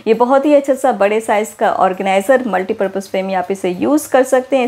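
A woman's voice: a little high, a little mellow. A woman vlogging a walk through a store, upbeat, repeating prices and offers, recorded on a handheld phone indoors. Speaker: shopping vlogger.

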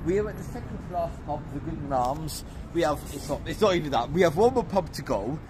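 With a fairly high, animated voice and a brisk pace, the vlog host staggers through busy London pubs and streets, tipsily reviewing each one with jokes and rambling asides. Loud pub crowd noise fills the background.

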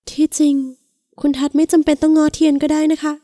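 Lady doing high hurt young wife, stubborn, sharp protests, dry sound. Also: completely flat delivery, quick pace, no echo, natural voice.

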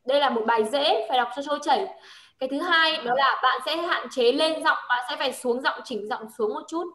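A woman's voice: high voice, a bit bright. Echoey Vietnamese woman tutor, patient. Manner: patient, corrective, models slow careful reading. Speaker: English tutor. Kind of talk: one-on-one English reading lesson.

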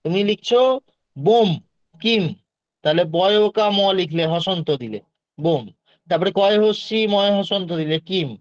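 A man's voice: sits high, dry recording. A male teacher speaking with a Bengali accent explains a lesson patiently, step by step, and takes questions from his students. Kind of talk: online exam-prep lesson. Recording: dull lo-fi dry sound.

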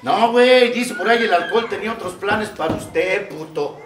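Mexican man shouting testimony in echoey hall. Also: normal speed, background noise. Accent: Mexican Spanish. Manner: swears heavily, swings from low confiding to shouting. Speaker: recovery group speaker. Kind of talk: impassioned testimony at a recovery meeting. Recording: echoey room, far from the mic.

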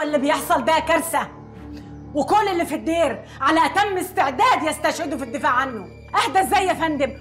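An actress playing an older, insistent nun with an Egyptian accent in a TV drama. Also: female voice, sits high, fairly bright tone. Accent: Egyptian Arabic. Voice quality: urgent, insistent.

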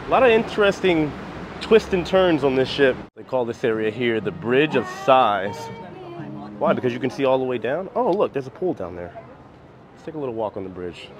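With a handheld camera held out at arm's length, a thirtysomething American travel vlogger casually tours a cruise ship's decks and interiors. He speaks at a moderate pace in a mid-range voice with lively intonation.

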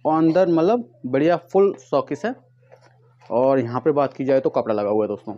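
A vlogger who sells shoes pitches products to camera at normal speed, warm-toned, calling viewers his friends and leaning on repetitive filler phrases. He's indoors in a tiled room at home among stock boxes, on a clip-on lapel mic, with a muffled sound, noticeable background noise and clicks.

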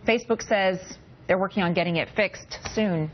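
A woman's voice: medium pitch, moderate pace, lo-fi sound, a little hiss or hum. An American woman newsreader giving live, loosely ad-libbed breaking news.

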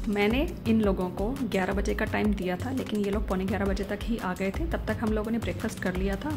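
A woman in her thirties giving a gentle, step-by-step voice-over of her home and packing. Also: medium pitch. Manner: gentle, homely, explaining step by step. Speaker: home vlogger. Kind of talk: voice-over narration of a house tour. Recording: clear music bed behind the voice.

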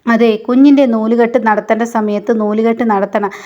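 A woman's voice: a little high, fairly even intonation, fairly quick, darkish tone, dull audio, natural voice. A woman reading the lines of an old grandmother urging a family ritual, in her own voice. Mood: earnest.

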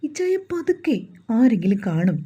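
A woman's voice: medium pitch, big pitch swings, normal speed, mellow, husky. A woman voicing a shy young bride-to-be who scolds her teasing fiancé. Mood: flustered scolding. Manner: flustered, scolding.

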